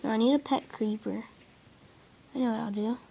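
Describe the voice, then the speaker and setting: Woman, let's-play commentator. High, gravelly, excitable and giggly. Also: normal speed. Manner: excitable, giggly, shrieks when startled. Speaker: gameplay commentator. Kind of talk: casual let's-play chatter.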